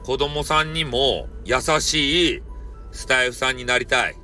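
A man's voice: mid-range voice, measured pace, sharp tone, faint music behind. A man with a Hakata dialect hosting a solo podcast, joking around in a playful, mock-formal way. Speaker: podcast host, storyteller. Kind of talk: casual solo podcast talk.

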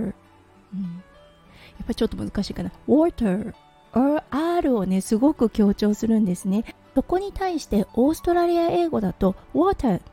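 A Japanese woman hosts her casual solo audio show in a very mellow, slightly husky voice, pitched a little high. She talks in a chatty way, sprinkling in little fillers, with faint music playing behind her. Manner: chatty, frequent "ne" and "hai" fillers. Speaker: podcast host. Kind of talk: casual solo radio talk.

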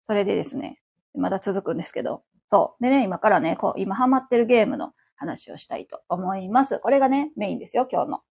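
A woman's voice: mid-range voice, lively intonation, quick pace, vocal fry, a little mellow, husky. A woman around forty with a Kansai accent, chatting on her own as host of a livestream radio show, rambling along with many fillers. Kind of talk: casual solo chat.

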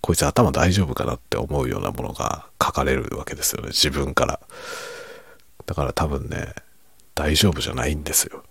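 A middle-aged man talks quietly into a close, dry microphone in a very low, creaky voice. His hushed, casual monologue rambles along with self-deprecating humor, sometimes sinking toward a whisper, made for late-night listeners falling asleep. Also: sing-song, brisk, no room sound. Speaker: fiction writer chatting to listeners.

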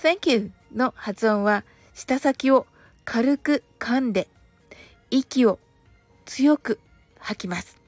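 Gentle woman radio host, dry sound. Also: on the high side, no room sound, faint music behind. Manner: polite, gentle, slow careful English phrases. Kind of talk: relaxed scripted radio talk with English lessons.

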